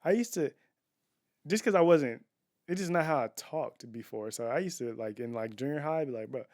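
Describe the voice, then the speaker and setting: A man in casual conversation on a home podcast, pressing his opinions with emphasis. His voice sits at an ordinary middle pitch. The sound is close and dry. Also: lively intonation, moderate pace, a little mellow, dry recording. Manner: opinionated, emphatic, restarts and fillers. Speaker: podcast co-host. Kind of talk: casual chat.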